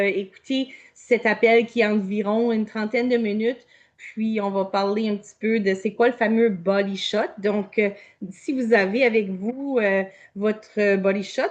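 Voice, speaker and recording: Woman, Acadian French accent, hesitant and chatty, dull lo-fi call audio. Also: mid-range voice. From New Brunswick, Canada. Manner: hesitant, many fillers, chatty. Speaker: guest presenter. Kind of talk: casual online presentation. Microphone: video call.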